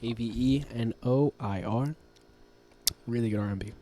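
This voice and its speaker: A man's voice: mid-range voice, normal speed, dark tone. Rambling young male podcast co-host. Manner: joking, rambling, trips over tongue twisters. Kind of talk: casual chat.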